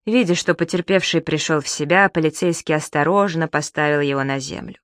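A woman narrating a children's audiobook in an even storytelling voice. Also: low-pitched, fairly quick, no echo. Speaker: audiobook reader.

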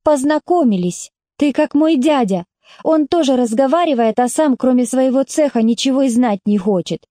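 A woman reading an audiobook, voicing a quick-tempered seventeen-year-old village girl who shouts and scolds. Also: high voice, lively intonation, dry recording, studio quality. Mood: defiant. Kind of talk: audiobook character voice.

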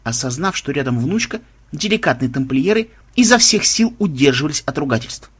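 Husky guy reading an adventure story out loud, lively and expressive. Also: on the high side, a little fast. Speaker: audiobook reader. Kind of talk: scripted story narration.

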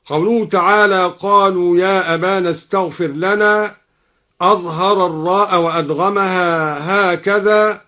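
A man with a high, clear-pitched voice teaches recitation variants in a careful, formal manner. He chants each example verse slowly and melodically. The sound comes from an old, dull, lo-fi radio recording. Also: steady tone. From Egypt.

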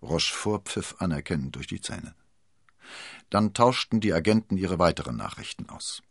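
A male storyteller with a very low, husky voice and a lively, rolling intonation. He narrates a scripted tale dramatically, recorded dry and close. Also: normal speed, no echo.

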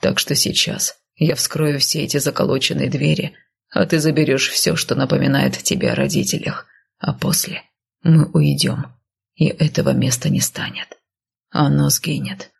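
A woman voicing a stern but tender northern man, in whispered role-play with a low, husky whisper. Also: fairly even intonation, moderate pace, full character voice. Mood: firm. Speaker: male character voiced by narrator.

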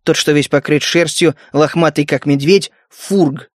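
A man narrates a story in a measured, steady reading voice that sits a little higher than most men's. The sound is close and completely dry, as from a studio mic, with no room echo at all. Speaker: audiobook narrator. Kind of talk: scripted narration.

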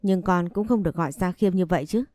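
A woman's voice: on the low side, fast, dark tone, dry recording, clean studio sound, soft background music, close to an everyday voice. A woman voicing a strict old grandmother who commands her family. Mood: stern.

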